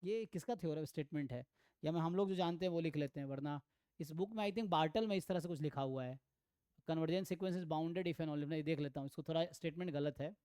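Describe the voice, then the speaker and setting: Male math tutor, clear tone, dry close recording, thinks out loud and reads theorems slowly. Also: on the high side, no echo. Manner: thinks aloud, mixes Hindi with English terms. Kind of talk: online exam-prep lecture.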